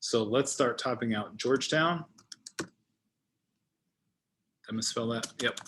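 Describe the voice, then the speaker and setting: In an informal screen-share walkthrough, a male trainer thinks aloud while demonstrating each step on screen. His voice is medium-pitched and measured, with background noise audible.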